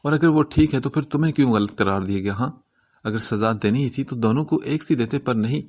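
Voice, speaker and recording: A man's voice: medium pitch, darkish tone, natural voice. A man reading the part of a bitter, protective middle-aged aunt in a novel, in a scolding manner.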